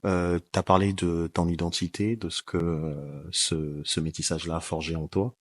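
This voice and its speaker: A man hosting a podcast interview, asking calm questions with hesitant fillers. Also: low voice, normal speed. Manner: calm, brief affirmations, hesitant "euh". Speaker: podcast host.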